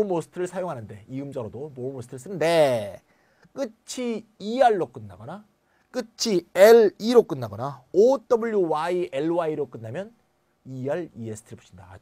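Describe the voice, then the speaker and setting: A man teaching an English grammar lecture in a chatty, blunt manner, full of asides. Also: a little high. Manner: lively, chatty and blunt, with asides and mild swearing.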